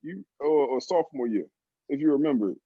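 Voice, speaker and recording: A man joining a casual group chat over a video call, excitable and quick to laugh. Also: on the high side, husky, no room sound. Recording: dull lo-fi call audio with faint hiss.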